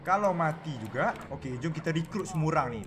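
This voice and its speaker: A man's voice: on the high side, fast talker, background noise. A young Malaysian man streaming live, commenting on his gameplay and scolding the characters on screen. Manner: excitable, scolding the game characters, laughs a lot. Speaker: livestreaming gamer.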